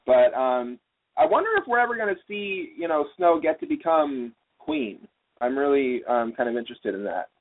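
A man's voice: fairly high pitch, very animated, moderate pace. A man hosting a casual podcast discussion, recapping the story and steering the talk along. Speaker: podcast host. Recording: phone-like narrow audio.

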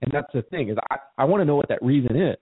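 A man's voice: mid-range voice, lively intonation, very fast, breathy edge. Man, co-host, casual talk, rambling and self-repeating, tinny phone-like sound. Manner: rambling, repeats words while thinking aloud. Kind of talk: casual conversation.

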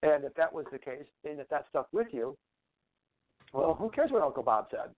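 A man's voice: on the high side, sing-song, normal speed. A man guest on a talk show, speaking in a casual, rambling way and often repeating words as he explains his advice. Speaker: guest, natural medicine practitioner. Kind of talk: conversational interview talk. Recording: tinny phone-like line.

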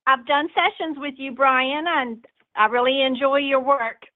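A woman's voice: high-pitched, steady tone, a little slow. A woman with a Southern US accent, chatting casually as a caller to a phone-in show. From southern United States. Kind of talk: casual chat. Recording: tinny telephone line.

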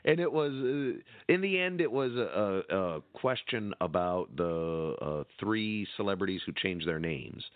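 Male co-host, low voice, storyteller with wry humor; dry, phone-like audio. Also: lively intonation, a little slow, hardly any pauses, no room sound. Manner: storytelling, nostalgic, wry asides. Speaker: podcast co-host. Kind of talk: casual chat. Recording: dry, phone-like narrow sound.

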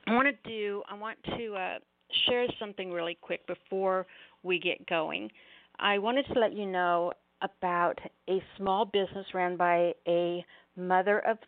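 A middle-aged woman hosting a poetry open mic show, chatting through announcements in a rambling, apologetic way, her articulation slightly off after jaw surgery. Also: lowish voice. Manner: rambling, apologetic, self-interrupting. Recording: thin, roomy phone-line sound.

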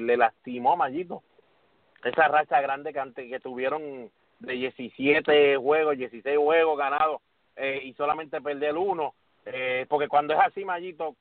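A man hosting a casual sports podcast, talking in an animated way and calling his co-host by name. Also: a little high, dry recording. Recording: tinny phone-like audio.

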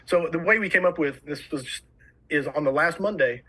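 A man's voice: on the high side, pushed and bright, slightly rough, poor audio. A man with a New Jersey accent, a fire service instructor eagerly telling stories as a podcast guest. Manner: eager, rapid storytelling. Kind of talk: casual podcast conversation.

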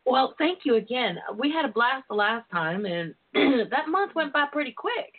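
A woman's voice: very animated, normal speed. A woman hosting a casual, irreverent talk show, with a sassy, theatrical, freely cursing manner. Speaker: host of a relationship talk show. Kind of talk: casual, irreverent radio chat. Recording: muffled low-bandwidth internet radio line.

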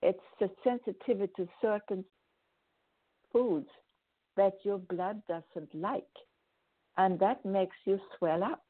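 A woman's voice: medium pitch, slow, long pauses. A woman hosting a show and answering listener questions, giving earnest, rambling advice with frequent restarts. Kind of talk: spoken advice talk. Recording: tinny phone-like audio.

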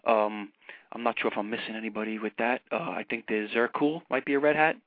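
A man's voice: mid-range voice, fairly even intonation, fairly quick, no echo. A man with a Brooklyn New York accent, chatting casually as a caller over the telephone. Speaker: phone-in caller. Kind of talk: casual chat. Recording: muffled, lo-fi phone call.

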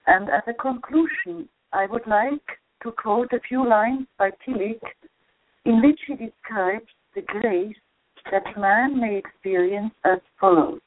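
A woman analyst giving a formal lecture, reading quotations slowly and carefully, heard from an old audio cassette recording. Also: a little high, dry recording. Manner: slow and measured, reads quotations with care. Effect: old audio cassette recording played on radio. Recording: muffled, narrow lo-fi cassette tape, dry.

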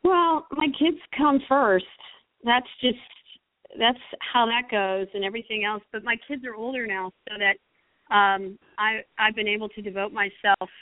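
A woman's voice: fairly high pitch, moderate pace, dry recording. A middle-aged American woman, a screenwriter guest on the phone, talking passionately and rambling with many restarts. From United States. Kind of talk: phone-in interview. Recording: tinny phone line.

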